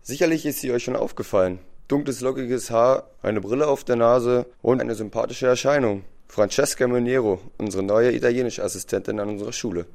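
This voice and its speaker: A man's voice: mid-range voice, fairly quick, few pauses, a little mellow. A man presenting a school radio piece, reading his scripted narration evenly.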